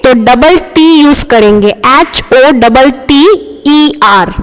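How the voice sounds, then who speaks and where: Woman teacher going real slow, high voice, keeps asking okay?, lots of echo. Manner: explains step by step, checks understanding with frequent "okay?"; mixes Hindi and English. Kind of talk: classroom grammar lesson.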